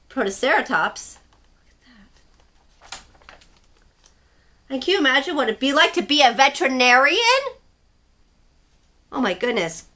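A young woman reads picture books and leads movement games for small children. Her voice sits high and sounds bright and clear. She speaks in a sing-song, encouraging way, as if talking straight to a child. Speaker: children's story time host. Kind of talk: leading a kids' movement activity and reading aloud.

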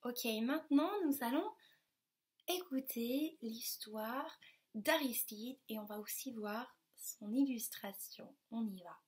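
Slow, carefully spoken woman teacher. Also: on the high side, darkish tone. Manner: slow, carefully sounds out syllables, encouraging. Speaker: primary school teacher. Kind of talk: remote phonics and maths lesson for young children.

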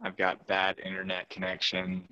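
A man's voice: low-pitched, completely flat delivery, normal speed, bright, forceful tone, muffled recording, slight background noise. A young college student, a man, chatting casually on a video call from his phone, his voice bitcrushed and crunchy from a bad connection, hesitant with ums and restarts. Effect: bitcrushed, crunchy bad-connection audio. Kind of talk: casual group video chat.

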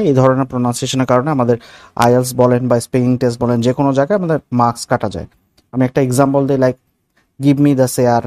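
A Bangladeshi man with a mid-range voice walks through pronunciation examples in an online lesson. He talks slowly, with fillers, and repeats each word twice. The sound is dry and close, with no room around it. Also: medium pitch, a little mellow, dry recording. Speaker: English pronunciation teacher. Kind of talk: spoken video lesson.

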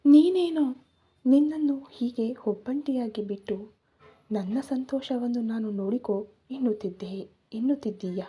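A woman's voice: fairly high pitch, mellow, husky. A woman voicing a hurt, defiant young mother who pleads tearfully in a storybook reading.

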